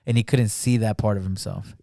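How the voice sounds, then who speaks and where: A man talking casually as a podcast guest, retelling a film scene and often acting out the lines, with halting speech full of "like" fillers. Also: lowish voice, fairly even intonation, gravelly, dark tone, no echo, clean studio sound. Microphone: studio podcast mic.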